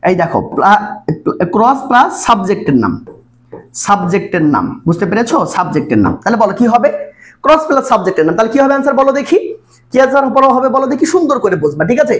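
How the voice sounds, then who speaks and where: Fast-talking man tutoring. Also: high voice, big pitch swings. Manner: repetitive coaxing, constant quiz questions to students. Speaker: English tutor. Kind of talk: live online exam-prep class.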